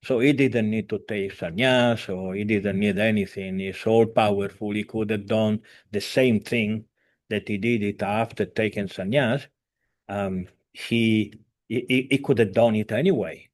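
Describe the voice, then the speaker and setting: Over a video call, a spiritual teacher in his seventies gives an earnest, halting talk full of fillers, restarts and non-native grammar. His voice sits on the low side with a steady tone.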